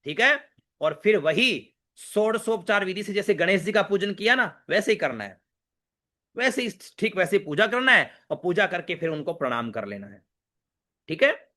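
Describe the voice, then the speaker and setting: A middle-aged man teaches a household ritual as a Vedic priest, his voice bright and ringing, pitched slightly above the usual male range. He speaks straight to the viewer, pausing to make sure each step lands. He recites the mantras in a slow, measured cadence. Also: very animated. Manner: addresses the viewer directly with "dekho" and "theek hai".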